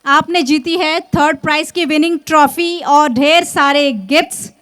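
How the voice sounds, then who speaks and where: An Indian-accented woman hosting a prize ceremony, announcing from the stage in a booming, emphatic way and stretching out the results. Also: fairly even intonation, a bit bright. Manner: drawn-out, emphatic delivery of results.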